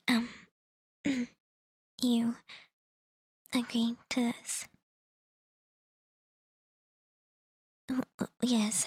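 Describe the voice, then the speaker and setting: A woman voicing a playful, teasing female dream spirit in a soft, giggly whisper for a whispered ASMR roleplay. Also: fairly high pitch, slightly rough, full character voice. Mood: flustered. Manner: teasing, flirty. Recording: roomy echo.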